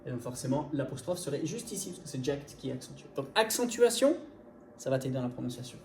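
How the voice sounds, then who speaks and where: A man teaching English pronunciation in an online video lesson, speaking in a lively, informal way to the viewer and demonstrating English phrases. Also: mid-range voice, fast, gravelly. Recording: echoey room, faint background noise.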